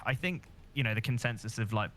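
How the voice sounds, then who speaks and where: A man's voice: lowish voice, quick pace, fairly bright tone, slight background noise. A man with a Bristol accent chatting casually on a stream, rambling with lots of fillers and repeated words. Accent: Bristol English. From England. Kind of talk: casual chat.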